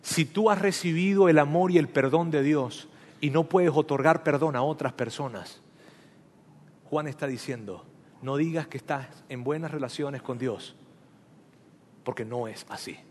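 Emphatic pastor in a reverberant hall. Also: male voice, on the high side, normal speed, slight background noise. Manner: animated, emphatic, direct address. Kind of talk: sermon. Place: church sanctuary.

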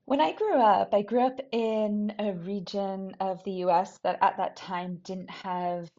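A woman from New Hampshire, a scholar and teacher, reflecting thoughtfully on her path, pausing and restarting as she searches for words. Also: medium pitch, mellow. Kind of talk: reflective personal talk. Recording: dull lo-fi recording.

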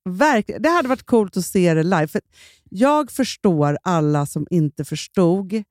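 A woman co-hosting a podcast in casual chat, talking fast with restarts and acting out quotes. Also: on the low side, animated, a little mellow, no echo, clean studio sound. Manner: chatty, acts out quotes, trailing restarts. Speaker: podcast co-host.

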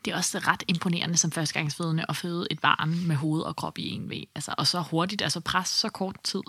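A woman commenting on a birth as an expert, explaining calmly in a soft, at times breathy voice. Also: on the low side, no echo. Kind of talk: casual podcast commentary.

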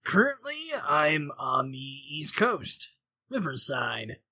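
A man playing a tabletop game, talking in character in an easygoing, unhurried way. His tone is bright and forceful, and the sound is dry and close. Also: fairly high pitch, big pitch swings, slightly rough, no echo. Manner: easygoing, slow-paced in-character talk. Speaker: player.

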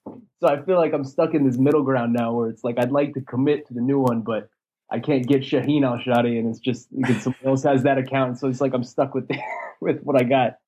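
A man from the United States, a sports writer guest in a casual podcast chat, easygoing and quick to laugh. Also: mid-range voice, fairly even intonation, dark tone, husky, highs cut off.

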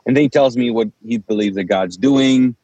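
The recording is dry and low quality, carrying a man's medium-pitched voice at a moderate pace. He's a Kuwaiti pastor, first language Urdu, telling his own story as an interview guest in a casual setting, acting out conversations with animation.

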